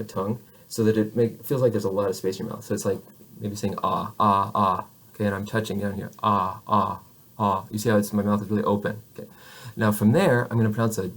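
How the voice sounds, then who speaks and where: A man teaching French pronunciation to camera, patiently showing each sound slowly with frequent restarts. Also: fairly low pitch, a little mellow. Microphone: camera facing the speaker.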